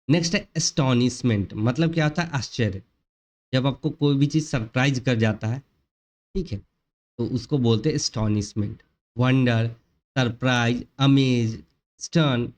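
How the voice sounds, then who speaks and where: A man teaching English vocabulary in an online lecture. He asks questions and answers them himself, and he repeats the key words. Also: mid-range voice. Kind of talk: explanatory online lecture in Hinglish.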